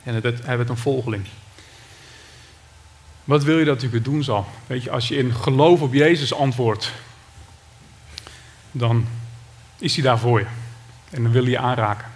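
A man's voice: medium pitch, normal speed, long pauses. A man with a Dutch accent preaching a sermon, reading scripture and retelling it with dramatic cries. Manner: dramatic, shouts out the beggar's cry.

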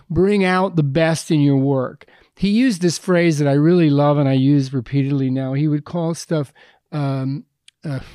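A man's voice: fairly high pitch, dark tone, dry recording, clean studio sound. A man, a playwright guest, telling long rambling anecdotes with many self-interruptions. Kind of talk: conversational storytelling.

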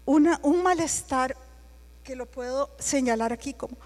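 Woman, high voice, testimony in a reverberant hall, acts out dialogue. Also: normal speed, a little mellow. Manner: emotional storytelling, acting out dialogue. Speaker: testimony speaker. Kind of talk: personal conversion testimony.

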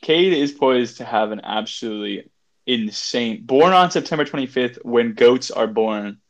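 A man's voice: mid-range voice, animated, moderate pace, dull audio, slight background noise. A man co-hosting a casual basketball podcast, playful and methodical as he runs through player lists. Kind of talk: casual fantasy basketball chat.

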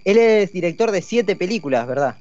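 Joking Argentine podcast host, slightly high. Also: male voice, expressive, normal speed, darkish tone. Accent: Argentine Spanish. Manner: joking, many filler sounds. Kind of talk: casual chat. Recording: dull lo-fi dry audio, faint music.

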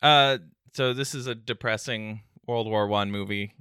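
A man's voice: on the low side, unhurried, pushed and bright, smooth, no echo. A young man on a casual podcast, tossing in dry wisecracks and one-liners. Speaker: podcast co-host. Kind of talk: casual chat.

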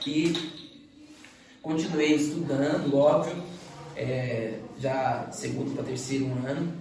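A man's voice: medium pitch, little pitch movement, takes it slowly, darkish tone, slight background noise. A man from Bahia, a teacher and school director, earnestly telling his own story, repeating words when he is moved. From Bahia, Brazil. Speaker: Portuguese teacher and school director, podcast guest. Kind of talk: emotional personal storytelling. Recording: very echoey room, voice far from mic.

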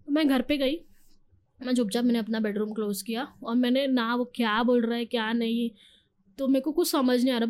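A woman's voice: fairly high pitch, a little mellow. A young woman, a podcast guest telling a personal story with emotion and acting out what others said. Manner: emotional, mixes English into Hindi, acts out quotes.

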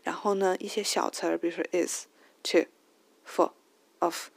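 Chinese-accented woman with a gravelly voice. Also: fairly low pitch, little pitch movement, normal speed, dry recording. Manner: thinks aloud with many fillers and restarts; sings out stressed syllables to demonstrate rhythm. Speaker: host of language tips show. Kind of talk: casual spoken English lesson.

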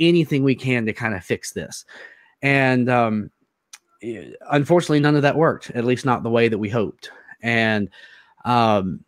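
A man in an interview telling his own story, earnest and halting, often repeating words as he searches for them. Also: mid-range voice, no room sound, studio quality. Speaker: interview guest. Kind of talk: personal testimony in an interview.

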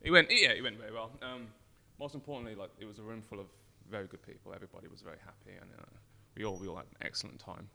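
A British man with a croaky voice after a night of drinking, talking casually and hesitantly as an interview guest in an echoey room. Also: fairly low pitch, rapid-fire, hardly any pauses, sharp tone. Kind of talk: casual chat. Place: brewery tap room, indoors. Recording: echoey unit, uneven mic distance.

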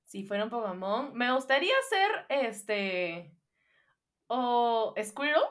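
A woman's voice: on the high side, takes it slowly. Chatty young woman guest. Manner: relaxed, chatty, laughs easily. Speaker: podcast guest. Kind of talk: casual chat.

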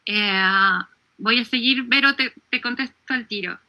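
A woman, earnestly telling a devotional story in conversation, often pausing and restarting. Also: a little high, pushed and bright. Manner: earnest, with frequent hesitations and restarts.

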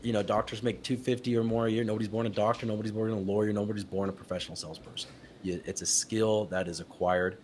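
A man with a notably low voice tells stories from his early years as an interview guest. He grew up in Utah and talks in a casual, animated way, often laughing and slipping into the voices of people he quotes. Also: quick pace, a little hiss or hum. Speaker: guest, company founder.

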